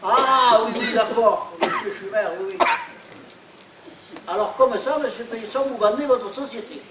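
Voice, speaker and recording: A man's voice: extremely high pitch, a little slow. A man acting in an amateur stage comedy, bumbling and adding "hein" to his lines. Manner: bumbling, tacks "hein" onto lines, laughs often. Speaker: stage actor playing a hapless man posing as a Swiss buyer. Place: theatre stage. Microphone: far room mic. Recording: roomy stage sound from far off, audience noise.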